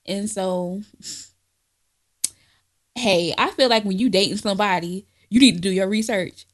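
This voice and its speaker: A woman's voice: mid-range voice, a little slow. A woman co-hosting a podcast, chatting casually in a blunt, profane way and laughing often. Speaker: podcast co-host. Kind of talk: casual chat.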